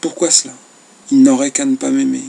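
A man reading the lines of a gentle, fearful young noblewoman in a soft, timid manner. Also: medium pitch, flat delivery, fairly quick, vocal fry.

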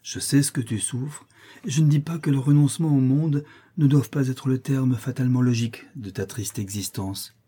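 Audiobook: grave earnest father-prince male narrator, warm, breathy, somewhat raised. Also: medium pitch, normal speed, pitched above the performer's own voice, lightly acted. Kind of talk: audiobook reading.

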